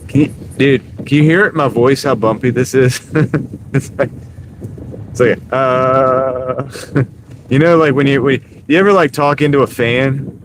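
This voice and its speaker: A laid-back man chatting casually while driving a bumpy road, his voice shaking and warbling as if he were talking into a fan. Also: measured pace. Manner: laid-back, says "dude" a lot, laughs easily. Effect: voice shaking and warbling from a bumpy ride, like talking into a fan. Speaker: delivery driver vlogger. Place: inside a moving car on a rough country road. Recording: road rumble and wind noise on mic.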